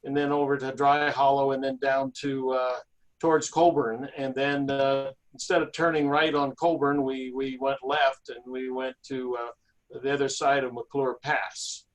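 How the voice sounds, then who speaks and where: Halting man, mid-pitched, chatting casually. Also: little pitch movement, rough recording. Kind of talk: casual trip recounting.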